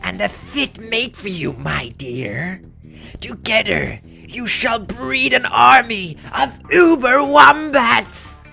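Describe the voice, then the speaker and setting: A woman voicing a maniacal male mad scientist in a dramatic script reading, with hammy, grandiose stage-villain delivery and a creaky, sharp voice. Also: lowish voice, big pitch swings, takes it slowly, hardly any pauses, faint music behind, heavily acted. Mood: gloating.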